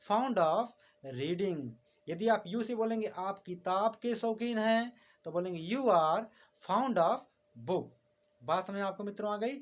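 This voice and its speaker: A man teaching a grammar lesson, patiently repeating each point and often addressing his viewers as friends while writing on a board. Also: high-pitched. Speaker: English teacher.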